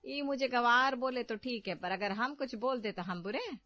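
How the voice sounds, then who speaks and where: Woman voicing a young village wife, sharp-tongued, folksy, pitched fairly high, muffled cartoon audio. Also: natural voice. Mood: taunting. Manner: quick retorts, folksy rural speech. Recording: muffled, faint background music.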